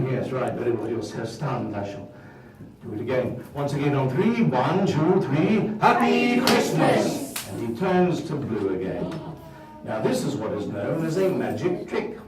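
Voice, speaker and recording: A man's voice: mid-range voice, lively intonation, moderate pace, natural voice. A man playing Balthazar, a bumbling Christmas wizard. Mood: playful. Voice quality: theatrical, sing-song, chuckling. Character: jolly, bumbling male Christmas wizard magician. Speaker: stage magician performer. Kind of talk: live stage magic show with audience. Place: stage in a hall. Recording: roomy hall, from far off.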